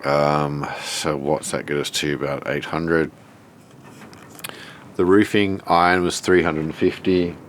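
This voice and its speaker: A man's voice: extremely low pitch, level tone, unhurried, a little hiss or hum. A man with an Australian accent and a blocked, nasal voice, giving a casual, unscripted walk-through as he thinks aloud. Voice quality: stuffed-up, nasal from a blocked nose. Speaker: vlogger showing a self-built shed.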